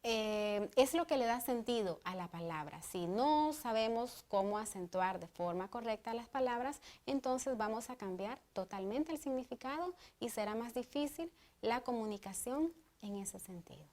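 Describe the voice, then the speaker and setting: A woman with a Honduran accent co-hosting an educational TV lesson, explaining grammar rules in a clear, deliberate way. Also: on the high side, expressive, a little mellow. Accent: Honduran Spanish. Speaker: teacher co-host.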